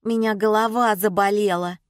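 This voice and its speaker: A woman's voice: on the high side, expressive, unhurried, no echo, clean studio sound, pitched above the performer's own voice. A woman reading an audiobook and voicing a rude, bored teenage girl who whines and talks back. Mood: whining. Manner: whiny, defiant.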